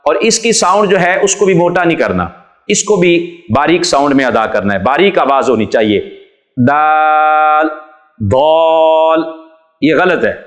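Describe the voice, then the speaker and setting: A man's voice: a little high, expressive, a bit bright, echoey room. Patient man teaching letter sounds. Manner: patient, explains each letter then draws it out slowly. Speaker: Quran reading teacher. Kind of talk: children's recitation lesson.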